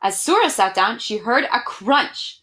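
Reading a picture book to children with lots of expression, this young adult woman also chats with them casually from a small room at home. She speaks unhurriedly in an animated, slightly bright voice on the high side.

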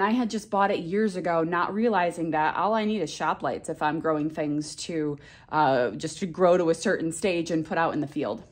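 A woman in her thirties, a flower farmer, chatting enthusiastically in a casual vlog from her basement seed-starting room on a handheld phone camera. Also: mid-range voice.

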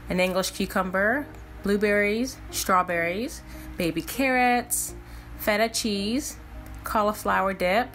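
Filmed from the front in a medium shot, a woman in her thirties hosts a home kitchen vlog. Her voice is mid-range and slightly bright, and she goes over her meal plan, naming each grocery item in a casual, cheerful way.

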